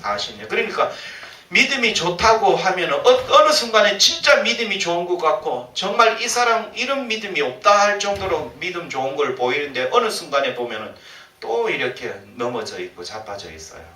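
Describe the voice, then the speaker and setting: Animated Korean pastor preaching in an echoey church. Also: male voice, high-pitched, fairly quick. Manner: animated, acts out quoted complaints. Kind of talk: sermon. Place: church sanctuary. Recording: roomy church sound from a distant mic, faint ambience.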